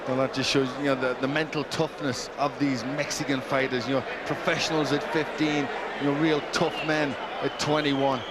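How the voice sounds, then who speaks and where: A man's voice: medium pitch, level tone, moderate pace, few pauses. A man giving conversational expert analysis as a boxing co-commentator at ringside. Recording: loud crowd and noise behind commentary.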